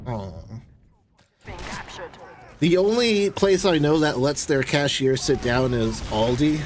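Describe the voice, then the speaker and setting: An American man rambles conversationally while gaming on a livestream. His voice is on the high side, a little mellow, with lively intonation and a slow pace, and the audio carries a little hiss or hum.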